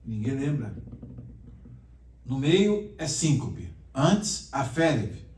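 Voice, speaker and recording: A man's voice: medium pitch, big pitch swings, takes it slowly, darkish tone, slight background noise. A male pastor teaching a Bible class, reading Hebrew aloud, quizzing his students and joking with them. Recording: roomy classroom echo, mic far off.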